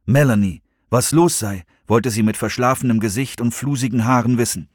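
A man narrating a thriller audiobook with expressive storytelling. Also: medium pitch, normal speed, no room sound, clean studio sound. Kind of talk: scripted narration.

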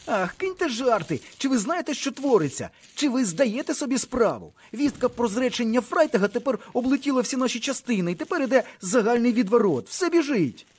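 A man voicing a panicked young male officer who shouts hysterically in a shrill voice. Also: animated, brisk, few pauses, breathy edge, full character voice.

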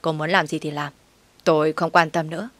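A woman's voice: low voice, steady tone, a little fast, fairly bright tone, no room sound. A woman voicing a cold, harsh young husband who talks in a curt, scolding way.

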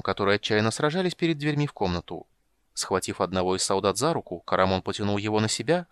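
Brief: male narrator for a fantasy novel, dramatic, fast, dry studio sound. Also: lowish voice, a bit bright, smooth, no echo. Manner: brisk, dramatic reading. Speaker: audiobook narrator.

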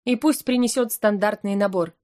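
Woman reading doing a bossy royal big sister, proud, grand and commanding, slow. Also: mid-range voice, darkish tone, close to an everyday voice. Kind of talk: audiobook character voice.

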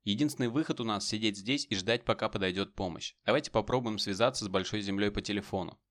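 A man's voice: on the low side, fast talker, a bit bright, natural voice. A man voicing a stern, tough middle-aged male detective who speaks firmly with dry mockery. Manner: firm, commanding, dryly mocking.

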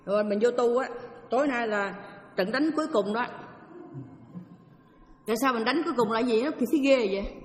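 A woman giving an animated dharma talk as a Buddhist teacher, telling stories and asking her listeners questions. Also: fairly high pitch, normal speed, long pauses. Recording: echoey hall.

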